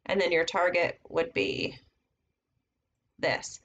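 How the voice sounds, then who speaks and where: A woman's voice: on the low side, takes it slowly, a bit bright, highs cut off, slight background noise. A woman casually teaching trading setups on a live stream, thinking aloud as she marks up charts at her computer. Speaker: trading educator.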